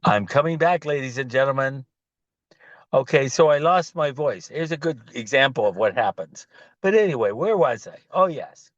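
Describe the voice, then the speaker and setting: A man's voice: medium pitch, normal speed, no room sound. Rambling man on a dull video call. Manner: loose, digressive, animated storytelling. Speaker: guest, bedding product founder.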